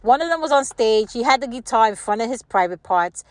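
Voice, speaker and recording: A woman's voice: fairly high pitch, animated, fairly quick, no echo. An older woman giving casual, rambling solo commentary, repeating phrases for emphasis and tossing out rhetorical questions. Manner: conversational, checks in with rhetorical questions.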